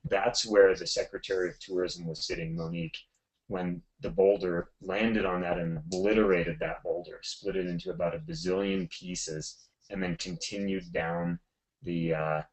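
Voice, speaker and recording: Deep-voiced middle-aged male guest, animated storyteller, loose and chatty. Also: moderate pace, rough recording. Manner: animated storyteller, many fillers and restarts. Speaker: photographer guest. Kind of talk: casual storytelling in a webinar.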